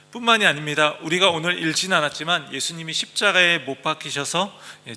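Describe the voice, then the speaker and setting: A man's voice: mid-range voice, bright, forceful tone, big-room sound, slight background noise. A man preaching a sermon as a pastor, earnestly reading scripture aloud and explaining it. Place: church.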